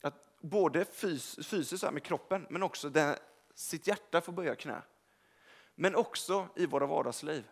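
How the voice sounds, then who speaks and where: A young male preacher gives a casual, rambling, informal sermon in a church service hall, addressing the congregation directly and correcting himself along the way. His voice is on the high side and creaky.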